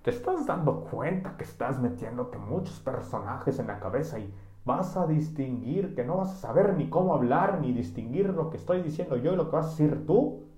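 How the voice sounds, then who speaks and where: A man's voice: fairly high pitch, animated, normal speed, warm tone, soft background music, pitched above the performer's own voice, close to an everyday voice. A man voicing a grumpy, scolding older male heckler with a Mexican Spanish accent, indignant and bossy. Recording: echoey room.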